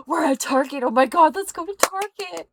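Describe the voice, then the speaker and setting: A woman mimicking a gushing, overexcited female tourist in a high, squealing voice. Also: expressive, moderate pace, background noise. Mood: thrilled.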